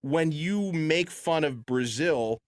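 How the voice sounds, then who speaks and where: A man co-hosting sports radio talk, laying out his theories in an animated way. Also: a little high, takes it slowly, dry recording, clean studio sound.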